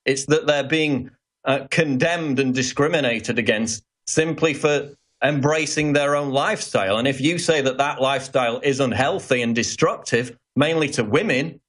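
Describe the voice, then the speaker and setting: A man on a talk radio show, calmly explaining his view and agreeing with the host. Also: medium pitch, normal speed.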